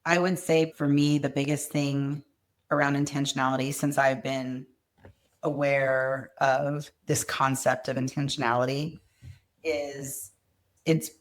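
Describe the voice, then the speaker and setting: A woman guest on a podcast interview, speaking earnestly and reflectively about leadership and family, telling candid stories. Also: extremely low pitch. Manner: reflective, earnest, quotes herself and family with vivid emphasis. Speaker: guest, company executive.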